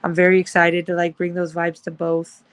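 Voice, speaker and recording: A woman's voice: lowish voice, monotone, normal speed, clear, resonant tone. A woman talking casually as a guest, upbeat and rambling with lots of fillers. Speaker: guest, supporters' group organizer. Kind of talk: casual chat.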